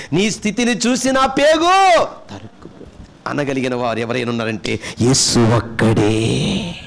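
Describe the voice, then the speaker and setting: Man, pastor, Telugu accent, sermon, high voice, questions the listeners. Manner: animated, asks the congregation questions, swings between loud and soft.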